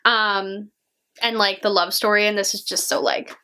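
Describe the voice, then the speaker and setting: On a casual book review vlog, a young woman gushes chattily about her favorite books, saying "like" constantly. Her mid-range voice stays fairly flat in pitch at normal speed, pushed and bright, with slight background noise.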